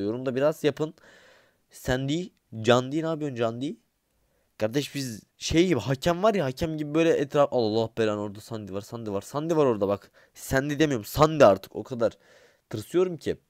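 Young man, gaming commentary, excitable, grumbling, mid-pitched voice, dry close sound. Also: dry recording. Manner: excitable, grumbling, swears under his breath; talks straight to his viewers. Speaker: gaming YouTuber. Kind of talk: casual gameplay commentary.

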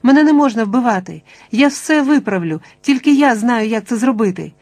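A woman's voice: medium pitch, normal speed, darkish tone, dry recording, lightly acted. A woman voicing a panicked plump middle-aged man who begs in a rush of pleading words. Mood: frantic pleading. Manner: frantic, pleading, tumbling words.

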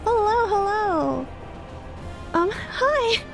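Speaking extremely slowly in a creaky, high-pitched voice, a woman streamer gets flustered over a game, with game music behind her. She's excitable and exclamatory, repeating words when she panics; she hosts the stream and teaches English literature.

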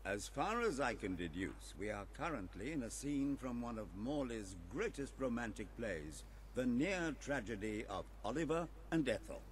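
An actor playing a formal, self-important gentleman detective in a video game, with a British accent. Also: medium pitch, very animated, moderate pace, hardly any pauses, slight background noise, close to an everyday voice. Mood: pompous, measured. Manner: pompous, formal.

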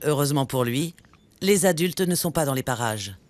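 A man reads scripted nature documentary narration in a measured, dramatic storytelling way. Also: fairly high pitch, expressive, a little mellow. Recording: music bed under the narration. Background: background music, animal sounds.

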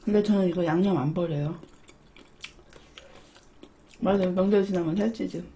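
A woman's voice: fairly low pitch, fairly even intonation, moderate pace, mellow, a little hiss or hum. A woman hosting an eating show, chatting casually to viewers with her mouth partly full. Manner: chatty, talking to viewers between bites. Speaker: mukbang host.

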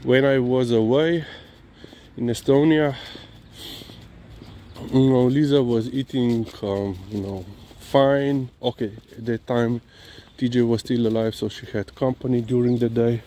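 A male dog owner and vlogger with a Slovenian accent talks outside during a walk, his delivery very leisurely, rambling and hesitant, full of "you know." The voice is mid-pitched and warm with fairly even intonation. Vehicle sounds and other outdoor noise are clearly present.

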